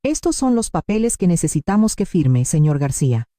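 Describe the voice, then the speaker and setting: A woman voicing a formal, calm male lawyer. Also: fairly low pitch, normal speed, no echo, studio quality, pitched below the performer's own voice.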